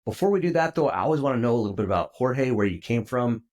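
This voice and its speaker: Man, podcast host, enthusiastic, friendly, animated delivery. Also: mid-range voice, fast. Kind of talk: upbeat podcast intro and interview.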